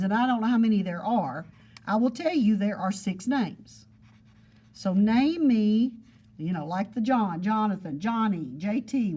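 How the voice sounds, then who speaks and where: A woman with a mid-range, dark-toned voice leads a geometry class. Patient and repetitive, she grounds each point in everyday examples during this classroom lesson with her students.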